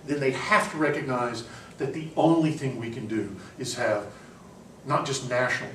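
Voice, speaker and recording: Captured by a distant microphone in an echoey classroom, a university lecturer muses through ideas for a seminar group, restarting and saying "um" frequently as he corrects himself. His voice is mid-range, with a faint room hiss behind it.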